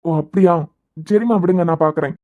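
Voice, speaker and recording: A woman's voice: on the low side, brisk, mellow, dull audio, lightly acted. Woman voicing a bewildered young man. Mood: polite. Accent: Kanyakumari Tamil.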